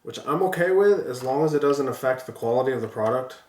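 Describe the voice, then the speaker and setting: A vlogger chats casually while building a toy set, his mid-range, darkish voice stuffy and congested from a sinus infection. He talks fast and expressively, rambling with lots of fillers and frequent restarts. The sound is roomy.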